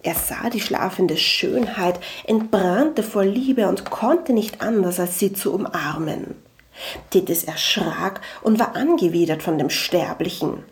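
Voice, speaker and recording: A woman reading a story aloud in a calm narration style, sometimes dropping to a soft whisper. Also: lowish voice, measured pace, a little hiss or hum. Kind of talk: scripted audiobook narration.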